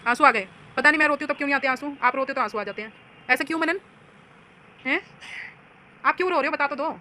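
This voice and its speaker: Bright, quick-talking playful mom. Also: female voice, high voice, a little hiss or hum. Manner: teasing, doting. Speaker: mother playing with her child. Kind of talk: playful pretend play with toys.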